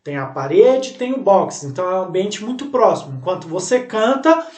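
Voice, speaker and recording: A man's voice: high-pitched, very animated, normal speed, a little mellow. A Brazilian man teaching a recorded video lesson, rambling and using many fillers and tag questions. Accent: Brazilian Portuguese. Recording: roomy sound, voice distant from the mic.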